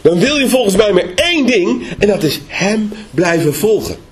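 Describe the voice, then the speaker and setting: A man's voice: high-pitched, big pitch swings, moderate pace, slightly rough. A man preaching a sermon in a conversational way, often asking the listeners questions. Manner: conversational, asks rhetorical questions.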